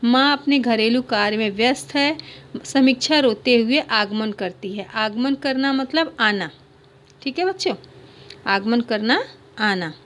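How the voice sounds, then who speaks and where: A woman's voice: a little high, lively intonation, unhurried, fairly bright tone. A woman teacher reading a Hindi one-act play aloud to pupils, stopping to explain idioms and punctuation, and lifting her voice for the characters' lines.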